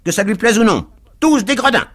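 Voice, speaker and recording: A man's voice: high-pitched, lively intonation, fairly quick, a bit bright, pitched above the performer's own voice. A man reading a literary tale for radio, voicing a brash young stranger who rattles off clipped, broken phrases and orders people about. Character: voluble brash young man in a green coat.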